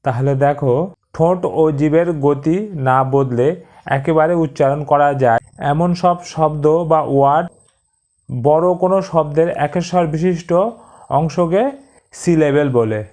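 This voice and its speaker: A woman teaching an English grammar lesson, speaking deliberately and drawing out example words syllable by syllable. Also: deep voice, mellow.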